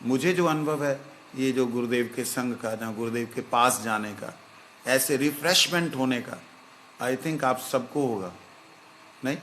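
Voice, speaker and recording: A man giving a slow, reflective devotional talk as a spiritual teacher, now and then breaking into chanted verses. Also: mid-range voice, a bit bright, slight background noise. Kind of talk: devotional discourse.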